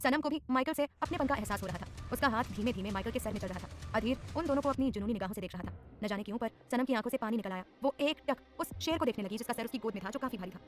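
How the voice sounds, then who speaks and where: A woman narrating a dramatized audio story in a brisk, expressive way. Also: on the high side, a little hiss or hum.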